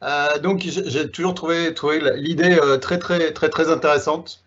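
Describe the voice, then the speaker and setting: A man hosting a conference session, introducing the speaker with many fillers and pauses. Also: on the high side, fairly even intonation, a bit bright, highs cut off.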